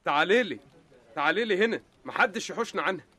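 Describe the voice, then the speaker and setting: A man's voice: sits high, animated, sharp tone, slightly rough, soft background music, heavily acted. A man with an Egyptian accent voicing a cocky, hot-tempered electricity card in a comedy sketch. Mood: boastful. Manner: boastful, quarrelsome, fast talking.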